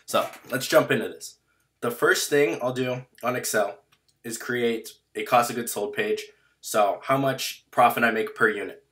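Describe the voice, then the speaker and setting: A young man, slightly hoarse, walking through a spreadsheet in a casual, matter-of-fact tutorial. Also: medium pitch, unhurried, a bit bright. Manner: plain, matter-of-fact walkthrough with fillers. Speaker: online seller teaching a spreadsheet. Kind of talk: casual screen-share tutorial.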